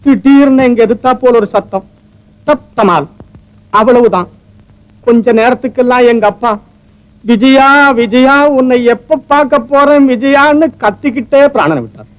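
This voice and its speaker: Weepy young doctor from an old 50s melodrama, high voice, choked up. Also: male voice, normal speed, rough recording. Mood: grieving. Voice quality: choked, tearful delivery. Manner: emotional, theatrical storytelling. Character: young male doctor, grieving and tearful. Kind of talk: 1950s film melodrama acting.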